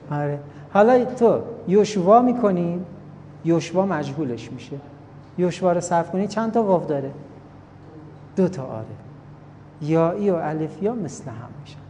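A man teaches a grammar class, chanting verb conjugations over and over in a steady sing-song. His voice is soft and mellow, with a long reverb trailing after each word. A faint background hiss sits under the recording. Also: sits high. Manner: recites verb forms in repeated sing-song drills. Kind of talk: classroom lesson.

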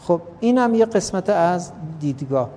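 A man teaches a grammar class, chanting verb conjugations over and over in a steady sing-song. His voice is soft and mellow, with a long reverb trailing after each word. A faint background hiss sits under the recording. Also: high voice. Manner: recites verb forms in repeated sing-song drills. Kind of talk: classroom lesson.

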